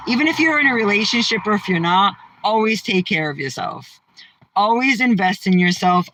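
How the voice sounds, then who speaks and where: A woman from Massachusetts hosts a casual livestream from her car, reading viewers' comments and bluntly firing back with brash, outspoken trash talk. Her voice sits in the mid-range and is a bit bright. The recording is rough, with no room sound.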